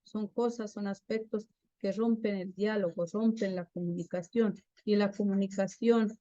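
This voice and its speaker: A woman's voice: medium pitch, steady tone, normal speed, mellow, dry recording, lo-fi sound. A woman teaching a class on active listening, often asking her students questions and tagging her points with a questioning "¿no?". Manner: asks the class frequent questions, adds "¿no?" often. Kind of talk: classroom lesson.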